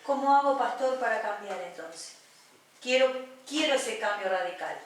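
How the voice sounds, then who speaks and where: A woman playing a troubled church member in a counseling role-play, asking plaintive questions and reading scripture slowly. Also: fairly high pitch, expressive. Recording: echoey room, distant mic, faint noise.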